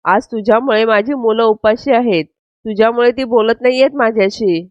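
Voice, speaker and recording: A woman voicing a protective, sharp-tongued middle-aged aunt who scolds and coaxes, in a dull, dry, lo-fi recording. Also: a little high, normal speed, no echo, close to an everyday voice. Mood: angry.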